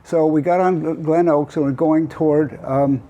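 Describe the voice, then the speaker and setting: A man's voice: fairly high pitch, steady tone, a little slow, dark tone, dull audio. An older American man in his eighties telling a casual, rambling grandpa story, hesitating and wandering into detailed asides. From Southern California. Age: older, 80s.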